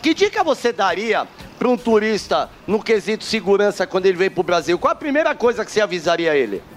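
A man with a notably high voice does joking street interviews. He is cheeky and teasing, bantering casually as a roving reporter. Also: big pitch swings, fast talker, slight background noise. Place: city street and shops.

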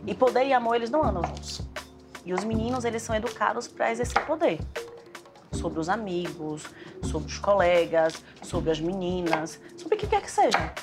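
A woman's voice: mid-range voice, lively intonation, normal speed, over music. A woman speaking earnestly as a guest on a talk show, explaining how emotions and relationships work.

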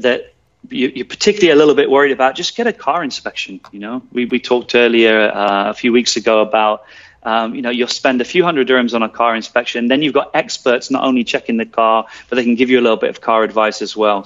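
A man's voice: medium pitch, a bit bright, highs cut off. Chatty male radio car expert. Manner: chatty, hesitant restarts, jokey. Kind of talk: casual radio advice.

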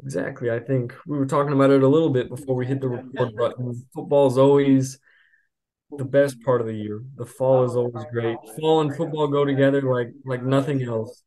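A man hosting a sports podcast as beat reporter, talking in a relaxed, rambling way with many fillers and restarts. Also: mid-range voice, fairly quick. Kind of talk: casual sports podcast chat.

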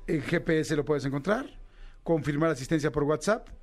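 A Mexican man hosting a radio show, joking loudly and getting excitable as he chats. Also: normal speed, faint music behind. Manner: loud, joking and excitable, with big jumps in pitch. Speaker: radio host. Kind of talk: casual radio chat.

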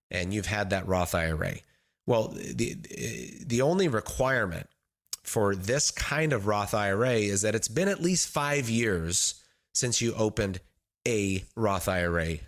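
A man with a fairly low voice talks as an advisory radio host. He explains things off the cuff, halting and restarting as he works through simple examples. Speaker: financial adviser hosting a radio show. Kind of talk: unscripted explanatory radio talk.

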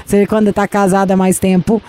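A woman's voice: medium pitch, little pitch movement, brisk, mellow, soft background music. A woman from Brazil, hosting a radio show with brash, teasing, playful banter. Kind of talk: bantering casual radio chat.

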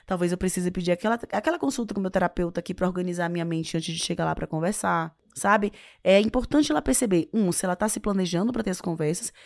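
Expressive woman with a gravelly voice. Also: fairly low pitch, fast talker, hardly any pauses, no echo, studio quality. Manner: expressive, stressing words as she explains. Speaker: author and guest. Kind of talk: interview answers giving advice.

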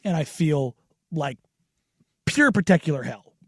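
A man with an American accent and a raspy, hoarse smoker's voice, chatting casually and bluntly as a sports radio host. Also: on the high side, lively intonation, a little slow, dry recording, studio quality. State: hoarse from long covid. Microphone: close studio radio microphone.

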